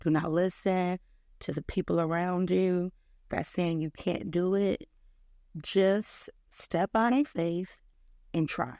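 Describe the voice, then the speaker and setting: A woman sharing her personal story of faith and health as an interview guest, telling it in an animated, faith-filled way. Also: on the low side, slow pace, dry recording, studio quality. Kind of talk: personal testimony in casual chat.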